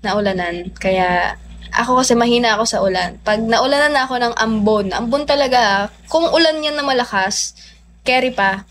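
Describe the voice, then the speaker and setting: A young woman livestreaming, telling a personal story in a chatty, animated way with lots of fillers. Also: a little high, moderate pace, a little hiss or hum. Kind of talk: casual storytelling.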